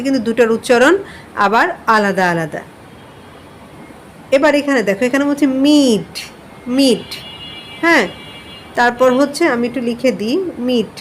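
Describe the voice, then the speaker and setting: High-voiced woman teaching English pronunciation. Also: a little hiss or hum. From Bangladesh. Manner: patient, explains pronunciation word by word with spelling. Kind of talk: online class lesson.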